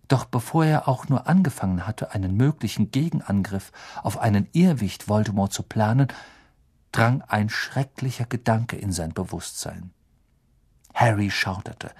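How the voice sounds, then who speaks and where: A man's voice: on the low side, slightly rough. A man narrating a storybook expressively. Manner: expressive, acts out every character. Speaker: audiobook narrator.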